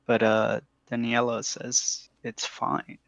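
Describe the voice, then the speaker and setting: Halting gravelly man playing a tabletop game. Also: mid-range voice, monotone, fairly bright tone, dry recording. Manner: halting, stammering, laughs often. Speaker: player. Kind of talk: tabletop role-play, describing his character.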